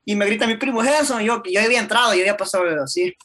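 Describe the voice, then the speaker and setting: Fast-talking young Salvadoran man, bright. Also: high-pitched, steady tone, slight background noise. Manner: slangy, rambling anecdote, constant filler "maje". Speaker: storyteller. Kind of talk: casual chat.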